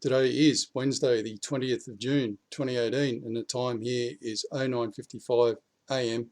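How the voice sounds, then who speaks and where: Standing outdoors in his backyard, a blunt Australian prepper vlogger chats about politics straight to camera, cursing freely in a voice still slightly croaky from the flu. At normal speed and mid-range with fairly even intonation, he gets higher and louder as he urges his point.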